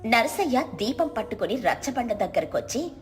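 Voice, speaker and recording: A woman narrating a village moral story in a steady, clear storytelling voice. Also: fairly high pitch, moderate pace, soft background music.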